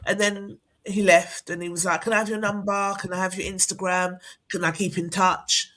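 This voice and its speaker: A woman's voice: mid-range voice, normal speed. Storytelling woman host. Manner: storytelling, animated, encouraging. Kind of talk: casual live chat.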